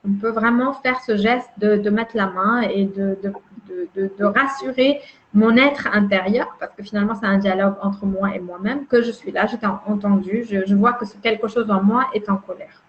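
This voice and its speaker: A woman explaining a calming emotion exercise in conversation, gentle and demonstrative, often repeating her words. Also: mid-range voice, moderate pace, muffled recording. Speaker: emotional wellbeing guide.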